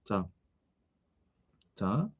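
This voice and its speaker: A man preaching a sermon, reading scripture and telling its background in an animated way, with frequent questions to the congregation. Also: drawn-out words, muffled recording. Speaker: pastor.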